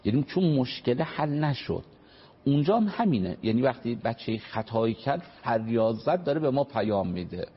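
A man with a breathy, medium-pitched voice and lively intonation gives parenting advice as a family counselor on a radio talk show. His earnest explanations are packed with examples and polite formal phrases, and the broadcast is dull and lo-fi.

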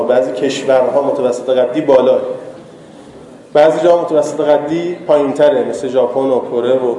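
A man's voice: medium pitch, warm tone. A man giving a chatty, joking religious talk to a live audience that builds to emphatic moralizing. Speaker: religious lecturer. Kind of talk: conversational sermon to a live audience. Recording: echoey hall with long reverb.

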